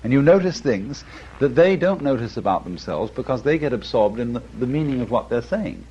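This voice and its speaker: A man's voice: medium pitch, expressive, fairly quick, dark tone, a little hiss or hum. A man giving a musing lecture on art and philosophy, chuckling often and breaking off into asides. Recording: dull lo-fi lecture recording.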